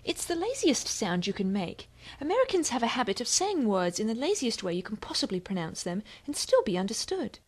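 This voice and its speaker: A woman voicing a lively character who explains English pronunciation in a playful way. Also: a little high, fairly quick, hardly any pauses, slightly rough.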